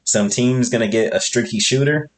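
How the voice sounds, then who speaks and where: A man's voice: medium pitch, moderate pace. A young man co-hosting a podcast, chatting casually and laid-back as he runs through basketball deals from a script. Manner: relaxed, talks through a script of player deals. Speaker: podcast co-host. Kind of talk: casual sports chat.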